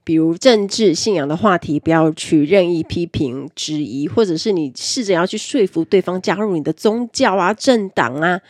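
A woman with a low, slightly husky voice talks through practical speaking tips like a lesson. Her pitch swings widely as she explains point by point, leaning hard on the key words of each list. The sound is close and dry, with no room around her. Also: lively intonation, normal speed, hardly any pauses, darkish tone, no echo. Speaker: self-improvement presenter. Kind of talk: instructional talk on speaking skills.

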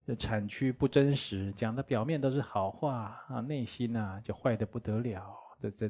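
A man's voice: on the low side, dark tone, slightly rough. A man giving a dharma lecture as a Buddhist teacher, speaking conversationally, chuckling and asking his listeners rhetorical questions.

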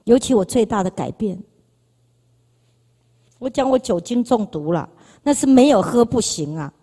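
Taiwanese lady sharing her church testimony, kinda high voice, lots of repeating, big echoey church sound. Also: lively intonation, normal speed, mellow. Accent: Taiwanese Mandarin. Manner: emotional, repetitive storytelling, addresses audience. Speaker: church member giving testimony. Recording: reverberant church hall.

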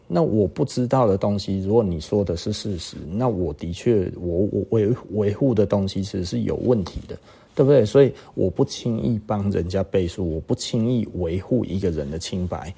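A man's voice: fairly low pitch, creaky, warm tone, slightly rough. A man with a Taiwanese Mandarin accent hosting a podcast, telling a story in a chatty monologue and often checking with the listener. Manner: chatty storytelling, keeps asking "right?". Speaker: podcast host. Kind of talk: casual monologue.

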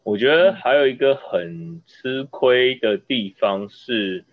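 A man from Taiwan hosting a casual interview podcast, telling stories in a chatty, animated way. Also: medium pitch, slow pace, no room sound. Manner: storytelling, animated when recounting anecdotes. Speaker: podcast host. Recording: dull lo-fi sound.

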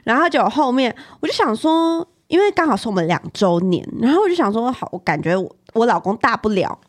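A young woman co-hosting a podcast, telling a story in animated casual chat and laughing often. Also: on the high side, fairly quick. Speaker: podcast co-host.

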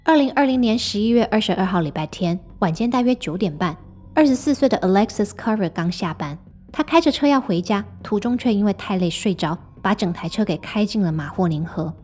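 Brief: female host, husky voice, scripted true-story narration, measured delivery. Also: medium pitch, expressive, darkish tone, soft background music.

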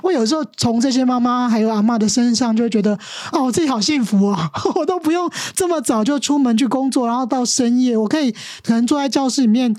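A woman's voice: a little high, fast talker, few pauses, a little mellow, dry recording, studio quality. Earnest Taiwanese Mandarin woman storyteller. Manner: earnest, acts out quoted dialogue. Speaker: teacher guest. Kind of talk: storytelling interview.

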